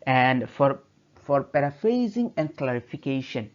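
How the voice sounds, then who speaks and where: A man's voice: mid-range voice, sing-song, a little slow. A male teacher whose first language is Bengali, narrating a slideshow lecture in a hesitant way, with many fillers and restarts. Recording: slightly dull lo-fi audio.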